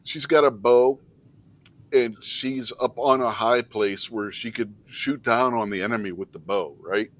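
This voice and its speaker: A man hosting a show with casual film commentary in an animated, sweary, mocking manner. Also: mid-range voice, measured pace. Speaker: show host.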